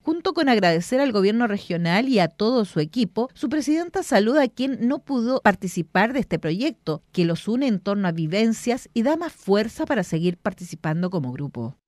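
A woman reporter reads scripted news narration in an even, measured way, her voice mid-pitched. It is recorded dry and close, with no room sound around it. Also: no room sound. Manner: even, reading.

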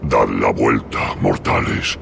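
An actor playing a solemn ancient guardian spirit in a fantasy game, grave and ominous, with game sound behind him. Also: male voice, very deep voice, takes it slowly, gravelly, a bit bright, a little hiss or hum, exaggerated voice. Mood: solemn warning. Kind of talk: scripted fantasy game acting.

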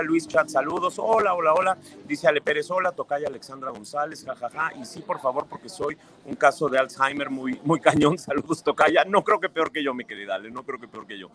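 A man's voice: mid-range voice, fairly bright tone, rough recording. A man with a Mexican accent hosting a casual livestream, reading viewers' comments aloud in a chatty, affectionate, playfully teasing way. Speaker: livestream host.

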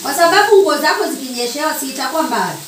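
Animated and talking very fast, a young Kenyan woman with a high voice teases and chats while cooking, switching between slang and English. She's a vlogger filming indoors in her small home kitchen with a camera on the counter a few feet away. The recording is echoey and far-miked, with loud sizzling and frying pans and slight background noise.

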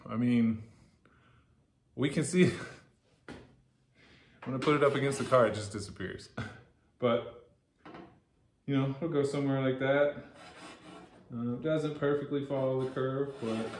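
A man's voice: medium pitch, far from the mic. Chatty man in an echoey garage. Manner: chatty, excitable, jokey, thinks aloud. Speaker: car enthusiast vlogger. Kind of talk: casual unboxing commentary. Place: home garage. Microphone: camera mic from across the room. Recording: roomy garage echo from off-mic.

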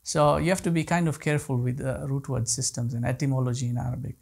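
Teaching an online class from a small indoor living room, a man in his thirties whose first language is Kutchi answers questions with many restarts. His medium-pitched voice is steady, fast, creaky and husky, with a darkish tone.

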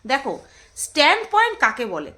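A woman rants to her viewers in a high, bright voice. She talks with open scorn, mocking her targets and firing rhetorical questions at them. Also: huge pitch swings, brisk. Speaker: vlogger. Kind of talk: ranting commentary to camera.

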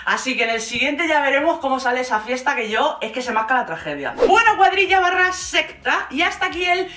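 A woman with a Spain Spanish accent hosts a gossipy recap vlog, sarcastic and expressive, swearing freely. Her voice sits a little high and sounds bright and forceful. The room around her is echoey. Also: fast. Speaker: YouTube host recapping a reality show. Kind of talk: casual gossipy recap commentary.

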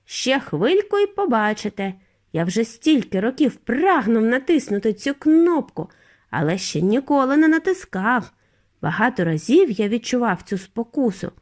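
Woman reader doing a giddy eccentric factory owner, lively and high, storybook style. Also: normal speed. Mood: eager. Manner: bouncy, exclamatory, urging. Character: eccentric excitable male factory owner, jubilant.

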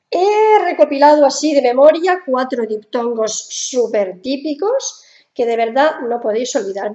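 A woman's voice: sits high, dark tone, reverberant, dull audio. A woman with a Spanish accent from Spain teaching German pronunciation in a casual video lesson, patient and repeating each sound.

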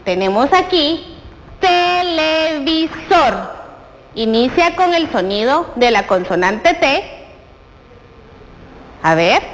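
A woman with a Guatemalan Spanish accent, teaching a preschool TV lesson and coaxing a child with slow, questioning prompts. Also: on the high side, in a large hall, slight background noise, low-quality recording. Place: television studio.

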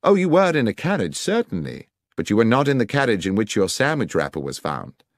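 Holmes, a man voicing a crisp detective. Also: fairly low pitch, huge pitch swings, no echo, studio quality. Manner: precise, measured and authoritative. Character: sharp, commanding male detective, middle-aged.

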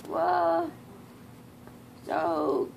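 A woman's voice: extremely high pitch, big pitch swings, drawn-out words, vocal fry, a little mellow. A young American woman, groggy and loopy from anesthesia after surgery, rambling casually and without a filter. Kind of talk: casual chat. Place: small curtained hospital recovery bay. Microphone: phone a few feet away. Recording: noisy handheld phone recording in hospital room.

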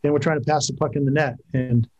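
On a laptop video call from his cinder-block office, a forties-aged hockey coach fields postgame questions from the press. He has a medium-pitched, steady voice that is a little mellow and slightly rough, and he talks quickly. His answers are plain-spoken, full of fillers and restarts.

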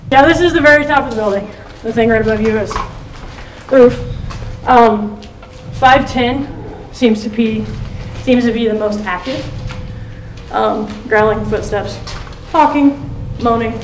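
A woman's voice: a little high, measured pace. A woman giving casual, explanatory talk as a tour guide on a ghost-hunting vlog. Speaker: tour guide of a haunted building. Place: large bare rooms and corridors of an abandoned building at night. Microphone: camera mic from a distance. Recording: echoey, distant camera sound with faint noise.

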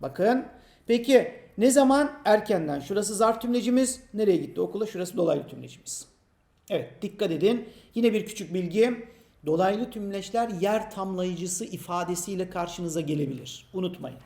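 Male teacher with a high voice, patient exam prep grammar lesson, asks and answers his own questions, echoey room. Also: lively intonation, moderate pace, vocal fry, warm tone. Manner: addresses imagined students by name.

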